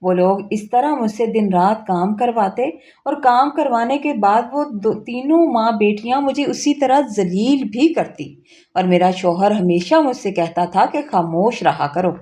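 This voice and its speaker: Plaintive woman storyteller, mellow voice. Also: fairly high pitch, measured pace. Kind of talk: emotional first-person story narration.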